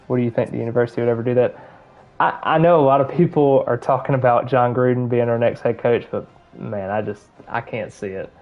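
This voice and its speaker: A man from Alabama with a Southern accent rambles casually while streaming a video game, his commentary full of fillers. His mid-range voice is steady and a little fast. The audio sounds narrow and tinny, with soft music in the background.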